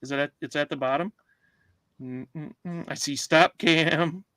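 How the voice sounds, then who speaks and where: A man's voice: on the high side, steady tone, unhurried, sharp tone, dry recording, rough recording. A middle-aged man with a Wisconsin accent, co-hosting a casual comedy chat on a video call, flustered and self-mocking and laughing along. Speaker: podcast co-host.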